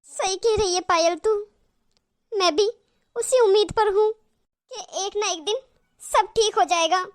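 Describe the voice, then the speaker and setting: Soft, high-pitched, sorrowful elder daughter-in-law. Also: female voice, unhurried. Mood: wistful. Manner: soft, subdued, imploring. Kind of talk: cartoon voice acting.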